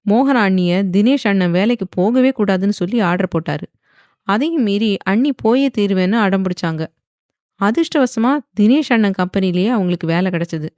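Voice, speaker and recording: A woman's voice: mid-range voice, lively intonation, moderate pace, darkish tone, no room sound, studio quality, lightly acted. A woman as a firm lecturing mother. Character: firm patient middle-aged mother giving advice.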